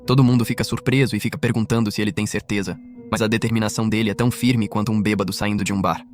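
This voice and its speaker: A man's voice: fairly low pitch, fairly even intonation, very fast, soft background music. A man reading a scripted anime recap as narrator, with a wry, joking delivery.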